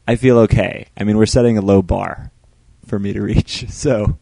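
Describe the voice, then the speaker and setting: A man co-hosting a casual podcast, his voice hoarse and gravelly from shouting. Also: fairly low pitch, fairly even intonation, moderate pace, no echo. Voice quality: gravelly, frog in the throat. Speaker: podcast co-host.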